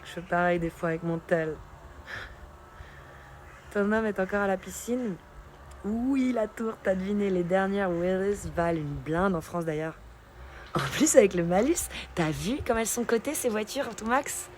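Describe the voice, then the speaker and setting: A woman's voice: mid-range voice, normal speed. A woman hosts a casual live stream, chatting and laughing with her viewers. Her talk is loose and friendly, and she reacts to the chat as she goes. A faint noise sits behind her voice. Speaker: livestream host.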